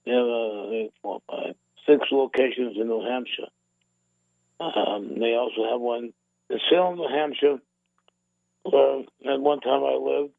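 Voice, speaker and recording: A man's voice: mid-range voice, unhurried, gravelly, dry recording. A man from the Boston area hosting a radio show, chatting casually in a rambling way with repeated words and restarts. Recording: narrow phone-like radio sound, dry.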